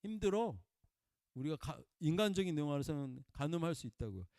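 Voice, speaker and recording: A man preaching a conversational sermon in a folksy way, prompting listeners with "eh?" and swinging between loud emphatic bursts and quiet murmurs. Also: fairly high pitch, very animated, fairly quick, gravelly, dry recording, studio quality. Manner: folksy, peppers talk with prompting "eh?" to the congregation.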